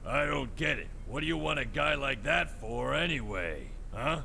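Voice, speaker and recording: In a video game, a loyal young manservant who earnestly pleads with his master. His voice is deeply gravelly and rough. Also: lively intonation, normal speed, pushed and bright, exaggerated voice. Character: loyal devoted male servant, young adult.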